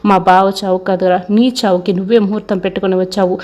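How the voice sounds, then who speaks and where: Woman voicing a sharp-tongued schemer; flat, steady. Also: mid-range voice, quick pace, natural voice. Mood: scornful.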